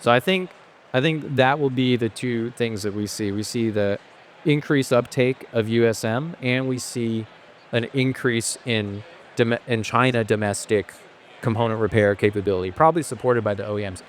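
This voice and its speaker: A man who grew up in Asia, now a company founder, is a guest on a podcast, speaking at normal speed in a medium-pitched voice. He talks at length in a casual, thoughtful way, restarting often in the casual interview conversation. Slight background noise is present.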